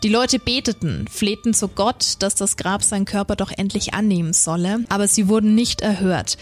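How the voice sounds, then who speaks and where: A woman's voice: mid-range voice, normal speed. Woman reading a creepy tale. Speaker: podcast co-host. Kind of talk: dramatic first-person story narration.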